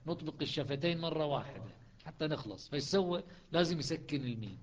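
A man teaching a lesson on Quranic readings, explaining step by step and slowing into chanted recitation. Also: fairly high pitch, expressive, muffled recording.

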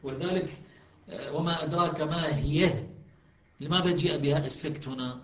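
A man's voice: on the high side, a little fast, a bit bright. A man teaching a class, explaining step by step and often checking whether his students follow. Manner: explanatory, asks students if it is clear. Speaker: teacher of Quran recitation and grammar. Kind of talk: classroom lecture. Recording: echoey, muffled classroom recording.

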